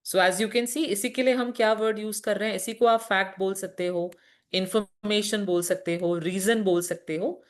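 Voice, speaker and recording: A woman's voice: mid-range voice, fairly even intonation, moderate pace. A woman teacher giving a lecture on reasoning, explaining patiently, asking questions and answering them herself, and mixing terms into Hindi. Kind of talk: classroom lecture.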